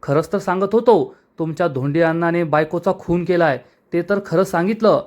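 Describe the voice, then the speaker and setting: A man voicing a loud, taunting middle-aged village man who keeps shouting accusations, in a spoken recap of a TV serial. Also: a little high, moderate pace, close to an everyday voice.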